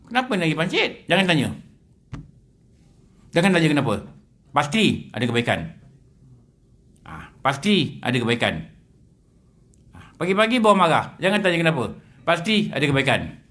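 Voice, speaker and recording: Animated Malaysian preacher, high-pitched man. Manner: animated, rhetorical questions, humorous asides. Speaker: religious teacher. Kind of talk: mosque lecture on religious text. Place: prayer hall.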